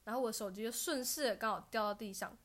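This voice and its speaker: Animated young woman telling stories. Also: on the high side, quick pace. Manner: animated storytelling, bursts of laughter and loud self-cheers. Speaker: podcast guest. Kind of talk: casual chat.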